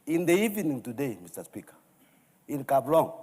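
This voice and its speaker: A man's voice: a little high, sing-song, a little fast, darkish tone, slightly rough. A man with a Kenyan accent gives a parliamentary tribute speech. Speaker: member of parliament. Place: large parliament chamber. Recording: reverberant hall.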